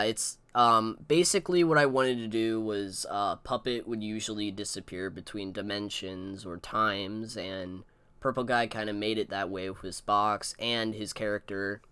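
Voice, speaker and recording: Bright, crisp young man rambling commentary. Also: fairly low pitch, a little slow. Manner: rambling, many fillers and asides. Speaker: host. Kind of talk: casual re-watch commentary.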